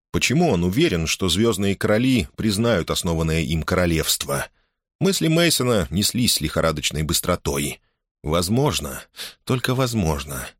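Male narrator, low register, even and measured, dry close recording. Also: no echo. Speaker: audiobook narrator. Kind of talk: scripted narration.

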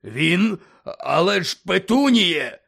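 Guy reading a fat red-faced uncle who yells and splutters, a bit high. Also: sing-song, takes it slowly, vocal fry, husky, full character voice. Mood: timid. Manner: bellowing, spluttering rage. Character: furious bullying stout middle-aged uncle. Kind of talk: audiobook character voice.

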